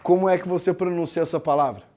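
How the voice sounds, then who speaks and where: A man teaching a grammar lesson, explaining step by step, asking the class questions, and slowing down to break words into syllables. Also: sits high, steady tone, dark tone, a little hiss or hum. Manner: slows down to spell out words syllable by syllable. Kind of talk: classroom lecture.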